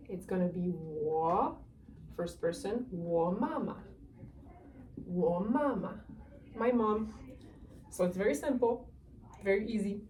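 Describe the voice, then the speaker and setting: A woman teaching a beginner language lesson at an unhurried, deliberate pace, patiently breaking each point down and modeling the sounds. She sits a bit back from the mic, with a faint hum of room ambience underneath. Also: mid-range voice, a little mellow, distant mic, low-quality recording.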